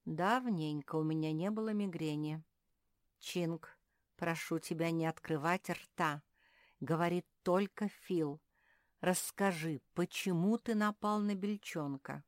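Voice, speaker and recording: Woman doing a calm wise owl. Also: on the low side, dry recording, clean studio sound. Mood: weary. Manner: calm, measured, sighing. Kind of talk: storybook reading.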